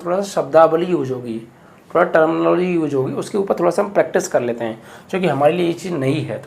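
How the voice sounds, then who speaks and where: A man with a fairly high voice and some vocal fry teaches a math lesson patiently, repeating each step and asking rhetorical questions aloud. There is slight background noise.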